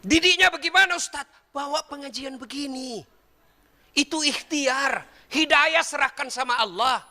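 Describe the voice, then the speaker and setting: A middle-aged man, preaching a comedic sermon and talking straight to his listeners in a jokey, animated way. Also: very high-pitched, a little slow, big-room sound. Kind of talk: comedic sermon to a live audience.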